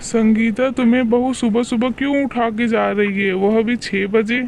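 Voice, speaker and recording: A woman's voice: on the high side, fairly even intonation, normal speed, darkish tone, a little hiss or hum, pitched below the performer's own voice, lightly acted. A woman voicing a middle-aged husband in a cartoon story, asking puzzled questions.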